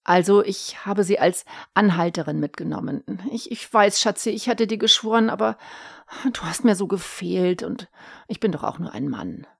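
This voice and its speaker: A woman's voice: mid-range voice, lively intonation, normal speed, gravelly, husky, no room sound, studio quality. A woman reading the part of a sly, sheepish middle-aged husband who talks hastily and coaxingly. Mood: wheedling. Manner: wheedling, hasty, coaxing.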